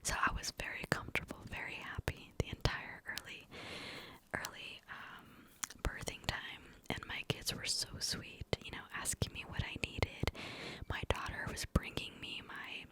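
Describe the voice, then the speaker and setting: A woman's voice: moderate pace, rough recording. A young adult woman telling a personal story as an ASMR ramble in a cupped-hand whisper, close to the mic, rambling and repeating words. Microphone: close to the mic, mouth cupped by hand.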